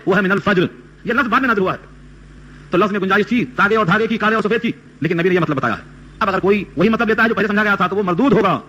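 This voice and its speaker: A man's voice: high voice, pushed and bright. A man giving a Quran commentary sermon, explaining step by step and quoting Arabic verses. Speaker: Quran teacher.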